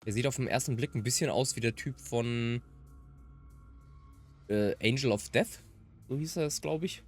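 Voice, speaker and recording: A let's player who is a native German speaker gives casual gaming commentary, slipping between German and English and voicing dialogue as he reads it aloud. The voice is medium-pitched at a moderate pace, with soft music in the background.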